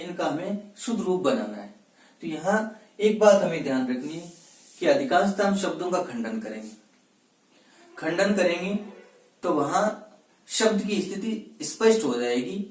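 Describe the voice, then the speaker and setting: A man with a slightly high, darkish voice teaches a Hindi grammar lesson aimed at exam preparation. He poses questions and answers them himself, repeating words as a drill. The mic is distant in an echoey room.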